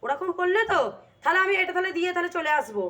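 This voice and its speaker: A woman's voice: extremely high pitch, animated, racing, sharp tone. A mother chatting to her viewers in a casual home vlog, talking them through her day while scolding and coaxing her children.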